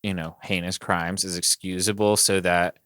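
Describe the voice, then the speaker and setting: A young man co-hosting a casual podcast chat, telling stories in an animated way with lots of fillers. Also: low voice, normal speed, smooth, no echo, studio quality. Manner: animated storyteller, many fillers. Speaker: podcast co-host.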